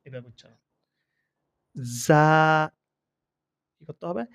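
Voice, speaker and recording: A man's voice: fairly high pitch, brisk, no echo, clean studio sound. A man teaching the pronunciation of Arabic letters, stretching each sound and asking questions he answers himself. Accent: Bangladeshi. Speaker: Quran teacher.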